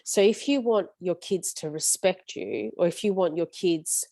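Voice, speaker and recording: A woman's voice: lowish voice, measured pace, mellow, dry recording. A woman, leading a casual support group session in an earnest, coaching way that often trips over her words.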